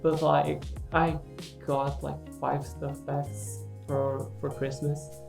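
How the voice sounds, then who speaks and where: A woman's voice: low voice, flat delivery, slow pace, gravelly, a little mellow, soft background music. A woman who speaks English as a second language, giving a casual, unscripted voice-over for a gaming video in a hesitant, self-deprecating way. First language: not English.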